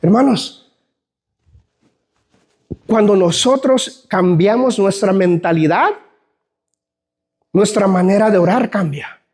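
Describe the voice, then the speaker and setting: A man's voice: high voice, slow pace, long pauses, a little mellow. A man preaching a sermon fervently, often calling out to the congregation as brothers.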